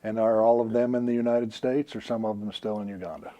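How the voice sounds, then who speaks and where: A man's voice: lowish voice, fairly even intonation, fairly quick, warm tone, dull audio. A man hosting an interview program, asking plain, direct questions. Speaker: host.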